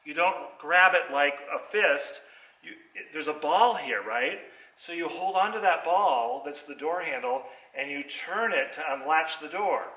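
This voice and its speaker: Explaining each movement in turn, a male theatre instructor gives a practical lesson in an expressive, forceful, bright voice of fairly high pitch at a measured pace. He's far from the computer microphone on a video call, and the theater echoes.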